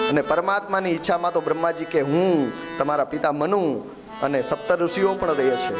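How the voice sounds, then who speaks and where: A man telling scripture stories in a devotional sermon, voicing the characters in dialogue. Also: sits high. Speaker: Bhagavat katha preacher.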